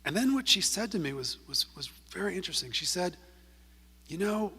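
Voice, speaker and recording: A man talks to a group like a counselor, telling a story and checking in with "right?" as he goes. His voice sits a bit high, with a husky grain. It rings with the long reverb of a church hall. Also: sing-song, fast, sharp tone. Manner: storytelling, tags points with "right?". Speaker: counselor giving a talk. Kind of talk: conversational talk to a group.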